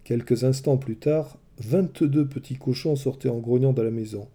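A man telling a mythology story in scripted, expressive narration. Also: medium pitch, moderate pace, slightly rough.

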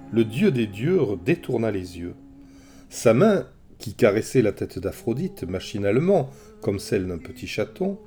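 A man reads a storybook aloud with an expressive, animated delivery. His tone is warm and mellow, and his pitch moves a lot. Faint music runs behind him. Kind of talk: storybook narration.

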